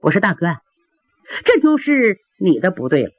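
Woman storyteller playing an impatient young prince, lively and husky, tinny dry sound. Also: mid-range voice, normal speed, dry recording. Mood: reproachful.

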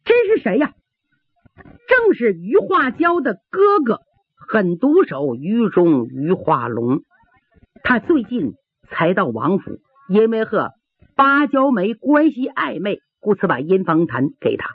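A woman's voice: medium pitch, sing-song, slow pace, husky, dry recording. A woman telling a traditional martial arts story dramatically, with vocal sound effects and rhythmic listing, on a tinny old radio broadcast. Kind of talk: traditional Chinese pingshu storytelling.

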